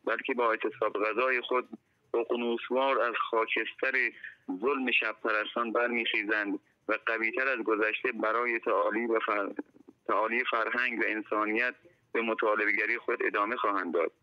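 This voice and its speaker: A man from Iran leaving a voice message over a prison phone line, reading a formal statement in a solemn, measured way. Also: lowish voice, level tone. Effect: voice message left over a prison phone line. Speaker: imprisoned teacher making a statement.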